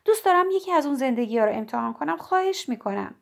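A woman voicing an anxious young woman who pleads and questions in a high voice. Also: animated, gravelly. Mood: pleading.

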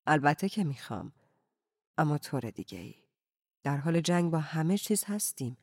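A reader doing a soft-spoken, gentle Sufi mystic man. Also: mid-range voice, expressive, no room sound, clean studio sound. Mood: calm. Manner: soft-spoken, slow and reflective. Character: calm, gentle male Sufi mystic with cancer. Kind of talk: audiobook character reading.

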